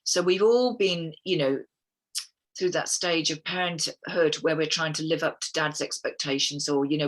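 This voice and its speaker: A woman reading chakra statements on a group call and guiding listeners through affirmations, soft-spoken and musing, often murmuring "okay" between readings. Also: sits low, low-quality recording. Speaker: wellness guest speaker.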